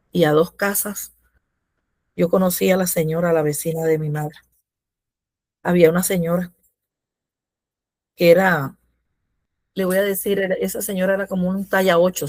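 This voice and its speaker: A woman's voice: fairly low pitch, a little mellow, no room sound. A woman giving a religious testimony in a devotional, telling her story with fervor and acting out the prayers she quotes. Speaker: devotional speaker.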